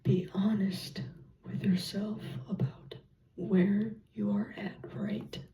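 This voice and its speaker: A person gives an encouraging, reassuring ASMR pep talk in a soft, breathy whisper, speaking gently in short, paused phrases. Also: medium pitch, little pitch movement, far from the mic, lo-fi sound, a little hiss or hum. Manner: slow, gentle, pausing between short phrases. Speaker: ASMR content creator.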